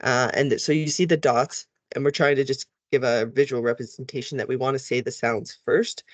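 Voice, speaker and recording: A man's voice: medium pitch, fairly even intonation, a little fast, no room sound. A man explaining how to use phonics lesson slides, talking teachers through each part and sounding out letters the way they should with kids. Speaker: teacher trainer. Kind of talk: recorded tutorial walkthrough.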